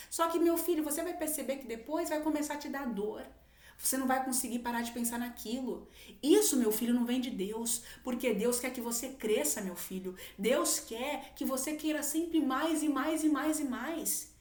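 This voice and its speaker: A woman's voice: high-pitched, moderate pace, darkish tone, echoey room. A woman giving earnest spiritual advice, often speaking as if to her own child. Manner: earnest, keeps saying "my son" as if speaking to a child. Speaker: spiritual teacher.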